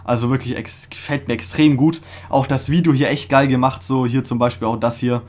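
A young man hosting a casual music reaction, talking in an excited, slangy way with many fillers and restarts, recorded in a small room. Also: mid-range voice, a little fast, background noise. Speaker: reaction video host. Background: faint music playing.

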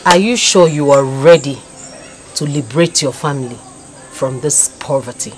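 A woman's voice: deep voice, normal speed, faint music behind, lightly acted. Woman playing a witch, cackling, menacing, Nollywood film. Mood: ominous. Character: dreaded village witch, cackling and ominous.

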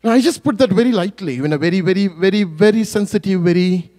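A man's voice: quick pace, mellow. A male pastor telling a story in a sermon, emotive and swinging up and down in volume, often correcting himself as he goes. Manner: emotive, rising and falling in pitch and volume; self-correcting with small restarts.

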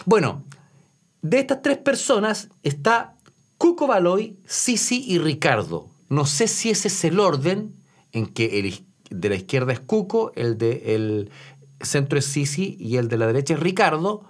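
A man's voice: very animated, measured pace. A man, a vocal coach giving casual commentary and singing syllables to demonstrate. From Chile. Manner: breaks into sung syllables and falsetto demonstrations. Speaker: vocal coach reacting to singers.

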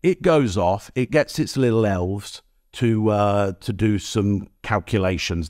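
A man presenting a direct-to-camera tutorial as a body language expert, speaking energetically to the viewer and checking in with a frequent "okay?" on a high-end studio microphone. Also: a little mellow, no room sound.

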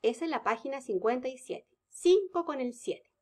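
A woman's voice: sits high, lively intonation, normal speed, mellow. A woman teaching a kindergarten lesson, drawing out words in a sing-song way for small children.

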